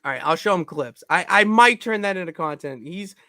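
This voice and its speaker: Excitable rambling male podcast co-host. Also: high voice, brisk, dry recording, studio quality. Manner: excitable, rambling with many restarts. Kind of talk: casual chat. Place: home basement.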